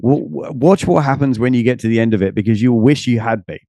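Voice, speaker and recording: A middle-aged man, a business coach talking on a podcast in an energetic, animated way, often acting out other people's lines. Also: quick pace, vocal fry, no room sound. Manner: enthusiastic, animated, acts out quoted people with big pitch jumps. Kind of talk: energetic conversational interview.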